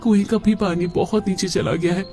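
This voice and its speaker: A man's voice: fairly even intonation, normal speed, dark tone, faint music behind. A man narrating a cartoon story and doing the voices of every figure. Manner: plays women and children by raising his pitch.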